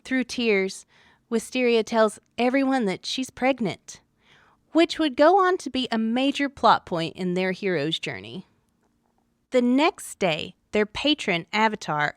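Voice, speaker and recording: A woman's voice: fairly high pitch, dry recording, clean studio sound. A woman hosting a story show, reading a scripted narration of a tabletop adventure in a wry, dramatic way. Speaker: story podcast host.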